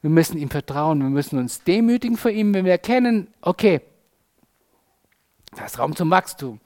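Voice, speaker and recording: Man, preacher, casual conversational sermon, tag questions, fairly high voice. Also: lively intonation, moderate pace, a little mellow.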